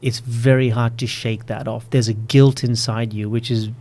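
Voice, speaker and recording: A man's voice: medium pitch, flat delivery, moderate pace, darkish tone. Man with a stutter, reflective. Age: 30s. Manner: stutters on word starts, repeating sounds. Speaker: public speaking coach. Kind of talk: podcast interview.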